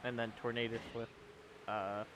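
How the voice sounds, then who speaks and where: Playing a game live, a 20-year-old guy rambles along, corrects himself, and responds to chat in a relaxed way. He speaks at normal speed with a medium pitch and level tone. The background is noisy.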